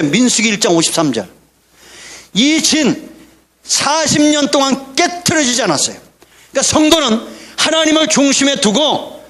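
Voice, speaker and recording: A middle-aged man preaching a sermon as pastor, lively and joking with the congregation. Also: very high-pitched. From Korea.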